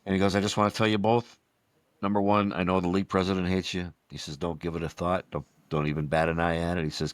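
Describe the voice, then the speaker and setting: Man, 60s, very low voice, dry sound, anecdotal podcast guest, rambling storyteller. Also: no echo. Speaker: retired baseball umpire, podcast guest. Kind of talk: storytelling in a casual podcast chat.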